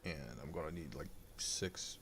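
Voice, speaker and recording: A man's voice: extremely low pitch, steady tone, normal speed, crowd noise. A man who is getting over a cold, chatting casually as he explains a strategy game while he plays it on a stream. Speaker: gaming streamer. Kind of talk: casual gameplay commentary.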